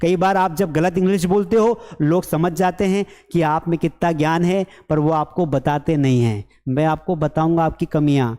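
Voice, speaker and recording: A man teaching an online spoken English class, lively and teasing, who acts out his learners' mistakes. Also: a little high, normal speed, hardly any pauses, long reverb tail.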